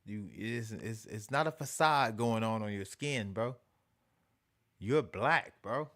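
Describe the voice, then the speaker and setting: A man hosting an animated commentary rant, repeating himself emphatically with profanity and mocking asides. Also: lowish voice, takes it slowly. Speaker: show host.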